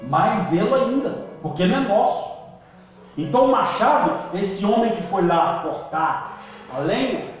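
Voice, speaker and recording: A male pastor preaching a sermon, calling out to the congregation and swinging between loud emphasis and quiet low lines. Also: expressive, a little slow, faint music behind. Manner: preaching with call-and-response, emphatic swings in pitch and volume. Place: church hall. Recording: distant echoey church hall recording, dull.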